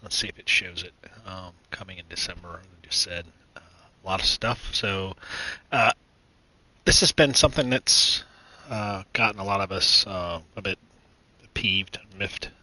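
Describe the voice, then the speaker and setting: A man from the United States hosting his own gaming channel, chatting casually and rambling with many fillers, restarts and throat clearing. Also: low-pitched, measured pace, bright, forceful tone, low-quality recording. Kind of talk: casual gaming news chat.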